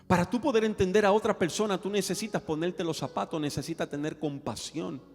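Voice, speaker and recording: A man's voice: sits high, fairly quick. A man preaching a sermon as pastor, telling stories and questioning the congregation. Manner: animated storytelling, questioning the congregation. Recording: reverberant hall with faint music.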